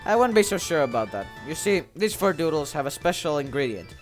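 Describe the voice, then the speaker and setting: A man acts out a gloating little cartoon mastermind with theatrical villain menace. The voice is on the high side for a male, slow and grandiose, with music playing behind it. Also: sing-song. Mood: smug, menacing. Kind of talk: acted reading of cartoon game dialogue.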